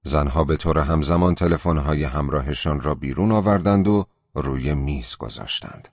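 A man reading a literary novel aloud as an audiobook narrator, calm and measured. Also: very deep voice, dry recording, highs cut off.

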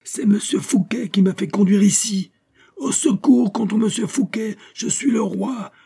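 A man voicing an enraged imprisoned king who shouts for help in a shrill, strained voice. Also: unhurried, vocal fry, breathy edge, exaggerated voice. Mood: desperate.

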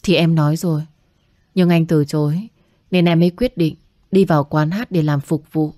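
A woman's voice: low-pitched, steady tone, normal speed, dry recording, clean studio sound, close to an everyday voice. A woman voicing a humble pleading young woman. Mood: earnest. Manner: pleading, soft, polite. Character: young woman, poor medical student, earnest and humble.

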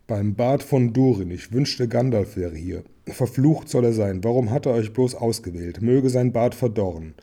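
A man reading aloud and voicing a proud, furious male dwarf king who shouts with contempt. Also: mid-range voice, normal speed, few pauses, lightly acted. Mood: angry.

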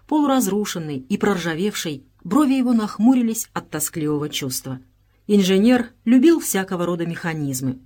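A woman reads an audiobook aloud as its narrator. Her delivery is measured and even, as in a scripted storybook reading. Her voice sits at a middle pitch for a woman.

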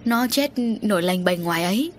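A woman's voice: fairly low pitch, lively intonation, fairly quick, a little hiss or hum, natural voice. A woman narrator voicing a frightened, despairing middle-aged male shrimp farmer in her own voice. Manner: groaning, despairing.

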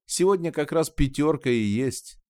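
A man reading an audiobook voices a small, excitable young woman, lifting his voice higher. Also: normal speed, dry recording, clean studio sound, close to an everyday voice. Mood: offhand. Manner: eager, raised pitch.

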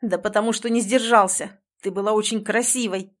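A woman's voice: medium pitch, steady tone, brisk, lightly acted. A woman reading an audiobook and voicing a young man who insists and pleads heatedly with his girlfriend. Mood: heated, pleading.

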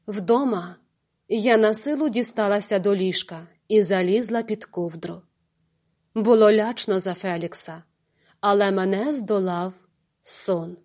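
A woman narrating an audiobook in a lively, expressive reading. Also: medium pitch, a little slow, long pauses.

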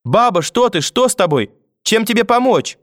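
A man's voice: high voice, big pitch swings, moderate pace, no echo, clean studio sound, voice pushed up. A man voicing a frightened young boy who pleads in panic with his grandmother.

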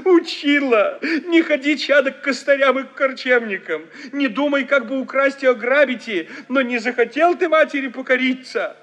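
A man's voice: extremely high pitch, moderate pace, hardly any pauses, a bit bright, highs cut off, pitched above the performer's own voice. A man voicing an older, pious mother who laments and reproaches her son in an old-fashioned wail. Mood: lamenting.

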